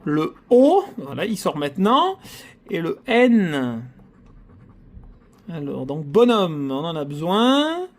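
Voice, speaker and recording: A man's voice: on the high side, big pitch swings, slow, long pauses. A man hosting his own channel, chatting casually to viewers as he scratches lottery tickets and groans theatrically at every loss. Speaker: channel host.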